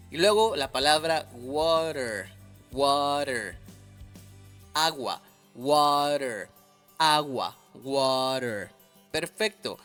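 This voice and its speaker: A man teaching an English lesson, patiently repeating each word slowly and clearly. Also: medium pitch, fairly bright tone. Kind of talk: slow, careful language lesson.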